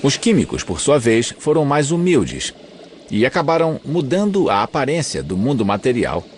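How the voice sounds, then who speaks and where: A man's voice: mid-range voice, wildly swooping pitch, normal speed, a little mellow, slight background noise. A man with a Brazilian accent reading scripted documentary narration as a dubbed voice-over. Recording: music under the voice.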